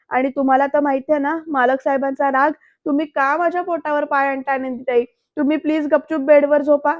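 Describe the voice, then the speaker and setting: A woman's voice: sits high, no room sound, close to an everyday voice. A woman voicing a caring middle-aged housemaid who fusses and coaxes, on a dull, dry recording. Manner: coaxing, scolding gently.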